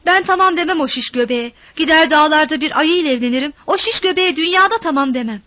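A woman's voice: sits high, animated, quick pace, sharp tone, dry recording, pitched above the performer's own voice. A woman voicing a defiant, tearful young village girl in a read story.

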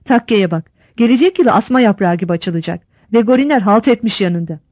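A woman's voice: mid-range voice, brisk, dry recording, studio quality, close to an everyday voice. A woman voicing an eager, talkative village instructor. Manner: excited, shouting to his wife.

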